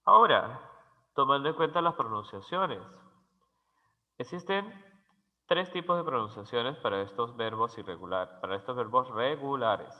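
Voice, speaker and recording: A man teaching English grammar as a slow, careful lesson, spelling out letters and repeating each example word. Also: medium pitch, animated. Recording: dull, lo-fi sound with long reverb.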